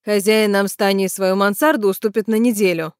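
A man's voice: high voice, steady tone, fairly quick, smooth, dry recording, clean studio sound, natural voice. A woman reading voicing a practical man who grumbles and brushes things off. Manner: grumbling, dismissive. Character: gruff practical older brother, grumbling.

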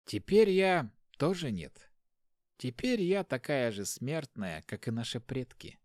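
A cold, defiant wife speaks, played by a male narrator in a firm, quiet voice. Her delivery is measured and steady, with a close, dry sound. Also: mid-range voice, no room sound. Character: defiant woman, the inspector's wife.

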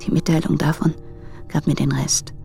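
In an intimate German radio play monologue, an actress portrays an anguished married woman torn between her husband and her lover. She speaks hesitantly and in a subdued, hushed, breathy way, her deep voice level and her pace moderate, conveying a troubled mood. The recording is a close, dry studio take with music behind her.

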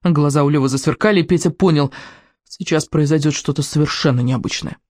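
A man narrating a children's storybook in an even, clear reading voice. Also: a little high, a little fast, no room sound, clean studio sound. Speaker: audiobook narrator.

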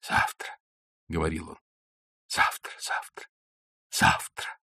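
A timid, flustered old nobleman whispers breathlessly, his voice soft and airy, as a male reader puts him on. The phrasing rises and falls broadly. The sound is dry and close. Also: on the low side, big pitch swings, slow, gravelly, breathy edge, no echo, full character voice. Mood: whispered. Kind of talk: audiobook character voice.

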